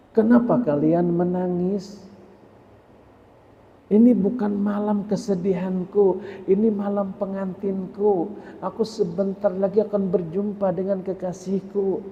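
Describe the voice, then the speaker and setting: A preacher playing a joyful dying Sufi elder. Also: male voice, sits high, little pitch movement, takes it slowly, gravelly, long pauses, dark tone, pitched above the performer's own voice, full character voice. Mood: exhorting. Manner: exhorting, raised preaching voice. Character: dying old male Sufi master, serene and joyful. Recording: echoey hall, muffled, faint noise.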